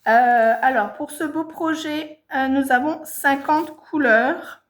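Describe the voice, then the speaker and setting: She talks slowly and in a high voice as she walks her audience through her stitching projects. The cross-stitch vlogger stumbles and corrects herself often in this relaxed show-and-tell.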